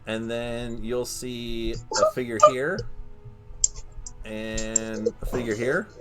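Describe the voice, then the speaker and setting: A man's voice: medium pitch, steady tone, takes it slowly, over loud music. A man narrating as game master in a rambling, self-correcting way.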